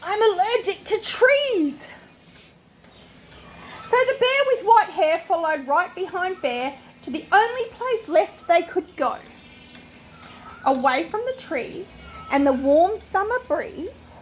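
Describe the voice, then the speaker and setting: A sweet old lady with a high voice reads a picture book to her grandchildren. The older woman is doting and expressive, slipping into chatty asides. Faint noise sits behind her on the recording. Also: unhurried, poor audio. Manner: animated, expressive reading. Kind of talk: storybook read-aloud with chatty asides.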